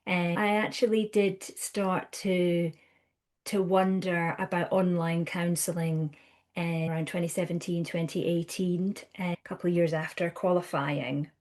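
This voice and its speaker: A Scottish woman in her thirties, a guest counsellor on a conversational podcast interview, speaks in a lowish, unhurried voice. She is chatty and animated, restarting phrases and acting out what others said.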